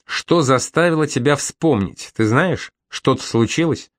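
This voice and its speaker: Picture a man putting on a soft-spoken woman therapist in an audiobook, asking patient yet insistent questions in a raised, lighter tone. The voice sits close and dry, with no room sound around it. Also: mid-range voice, unhurried, no room sound, pitched above the performer's own voice, close to an everyday voice. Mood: gently probing. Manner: gentle but insistent questioning. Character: calm, probing female therapist, middle-aged. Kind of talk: audiobook reading.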